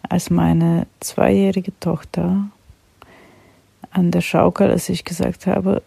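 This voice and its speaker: A mother of a toddler leaving a short, halting voice message. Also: lowish voice, level tone, gravelly, mellow, breathy edge, no room sound. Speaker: mother of a two-year-old.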